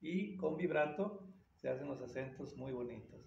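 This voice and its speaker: A man with a gravelly voice explains violin technique in a relaxed, patient tutorial between played passages. He sits back from the microphone in a roomy space, and violin playing sounds behind him. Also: medium pitch, moderate pace, recorded from a distance, dull audio, faint music behind. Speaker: violin teacher.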